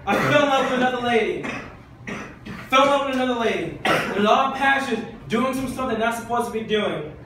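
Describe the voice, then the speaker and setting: A man's voice: very high voice, expressive, fairly quick, pushed and bright, slight background noise. A man preaching a sermon, exhorting his listeners with insistent repetition. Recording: very echoey church hall from far off.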